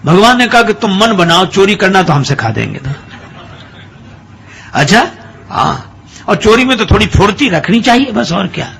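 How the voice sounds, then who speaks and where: A man's voice: high voice, big pitch swings, normal speed, creaky, pauses often, a bit bright, a little hiss or hum. A male preacher telling a humorous devotional story in a chatty sermon style, laughing along as he goes. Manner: chatty storytelling, laughing at his own tale.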